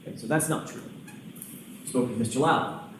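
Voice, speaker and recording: A man's voice: mid-range voice, a little fast. A man cross-examining a witness as a defense lawyer, pointed and insistent in his questioning. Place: large indoor courtroom. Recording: echoey courtroom feed, faint noise.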